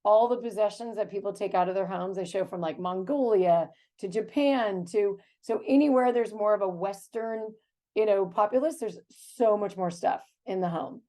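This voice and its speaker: A woman's voice: mid-range voice, normal speed, dark tone. A woman in her fifties from the United States, hosting a casual video chat in a chatty, enthusiastic way. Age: 50s. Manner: chatty and enthusiastic, with fillers and laughs. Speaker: host.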